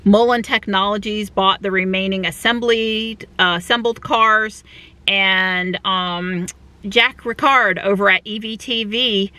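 Woman doing a casual car vlog from inside the car, bright clear-cut voice, chatty explainer type. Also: medium pitch, fairly even intonation, unhurried, dry recording. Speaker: electric car vlogger. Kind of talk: casual vlog narration to camera. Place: inside a parked car, sheltered from wind.

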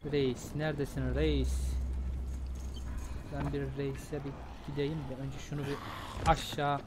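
A young man casually commenting on his own gameplay, talking slowly and breaking into loud shouts when fights start. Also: mid-range voice, flat delivery, noisy background. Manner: slow, drawn-out talk breaking into loud shouts during fights. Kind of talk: casual let's-play commentary.

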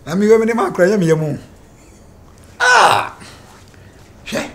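A man's voice: sits high, very fast, heavy background noise, close to an everyday voice. An actor playing a man who speaks in Twi with a Ghanaian accent, rambling. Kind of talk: comedy drama acting.

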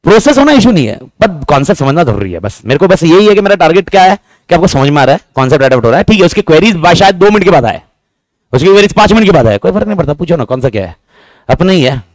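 A man teaching a class, talking fast and repeating himself, joking with his students. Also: on the high side, big pitch swings, dry recording. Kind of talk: lively classroom lecture.

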